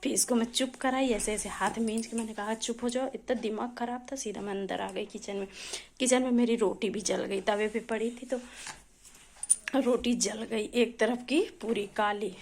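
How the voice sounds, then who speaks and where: A woman's voice: fairly high pitch, fairly even intonation, normal speed, gravelly, darkish tone, a little hiss or hum. A mother in her thirties recording a casual home vlog, chattily recounting a family squabble to the camera. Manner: chatty, recounting a household scuffle with a laugh. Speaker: mother and vlogger. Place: home, indoors.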